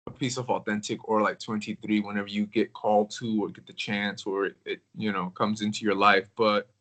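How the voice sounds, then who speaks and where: A man in casual conversation about crystals, talking in a relaxed, rambling way with many filler words. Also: lowish voice, brisk, rough recording. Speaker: crystal collector.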